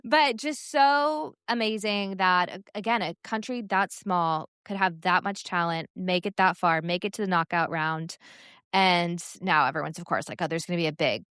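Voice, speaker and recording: A woman's voice: on the low side, normal speed, fairly bright tone, clean tone, no room sound, studio quality. A woman co-hosting a podcast, chatting casually about sports with many fillers and laughs. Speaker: podcast co-host.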